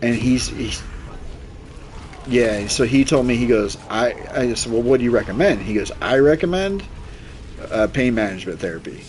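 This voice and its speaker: A man's voice: mid-range voice, normal speed. Man in his forties chatting over noise. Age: 40s. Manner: rambling, animated retelling with quoted dialogue and swearing. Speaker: game streamer. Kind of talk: casual chat while playing a video game.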